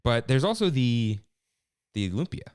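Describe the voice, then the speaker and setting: Lively man co-hosting a chat podcast. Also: medium pitch, a little slow, clean tone, dry recording, clean studio sound. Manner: animated, laughs often, acts out quotes. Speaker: podcast co-host. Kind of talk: casual chat.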